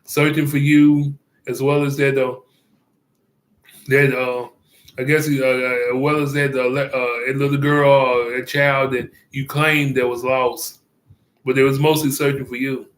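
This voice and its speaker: A man giving casual commentary, rambling and halting with many fillers and restarts, chuckling often. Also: medium pitch, level tone, roomy sound, poor audio.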